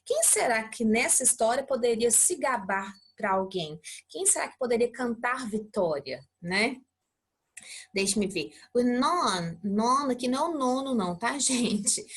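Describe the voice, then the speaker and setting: Brazilian woman teacher going over a lesson, breathy voice, kinda high, keeps checking in and repeating words slowly. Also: animated. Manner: explains patiently, repeats words, checks in often; models English pronunciation slowly. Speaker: English teacher. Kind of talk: recorded classroom lesson.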